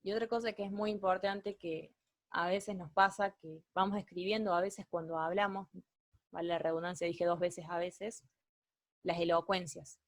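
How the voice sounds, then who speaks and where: A woman's voice: on the low side, fairly even intonation, normal speed, no echo. Young Argentine woman explaining writing tips. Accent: Argentine Spanish. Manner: hesitant, self-correcting, explanatory. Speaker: student tutor leading a writing workshop. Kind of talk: online workshop explanation.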